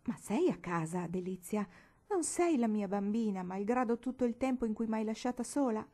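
A woman's voice: a little high, animated, normal speed, mellow. A woman reading an audiobook, voicing an unhinged, grieving older noblewoman who pleads with feverish tenderness. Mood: coaxing.

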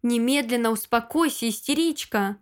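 A harsh, impatient young man in a storybook reading, snapping his words short, read by a woman. His voice sits rather high for a man. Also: moderate pace, close to an everyday voice. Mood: angry. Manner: curt, snapping.

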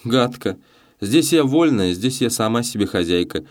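A man's voice: mid-range voice, expressive, normal speed, voice pushed up, lightly acted. A man voicing a brazen, defiant fallen woman in a slum tavern. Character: fallen painted woman, proud colonel's widow.

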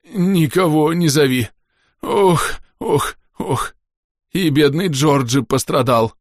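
A man's voice: on the high side, slow, no echo, clean studio sound, pitched above the performer's own voice. A man voicing a bubbling underwater amphibian creature that pleads and groans with slightly distorted words. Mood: pleading.

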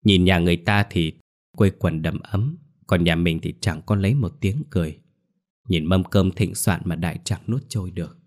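A man reading a scripted ghost story aloud in a very deep, low voice. His delivery is steady and grave, unhurried from line to line. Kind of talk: scripted horror story narration.

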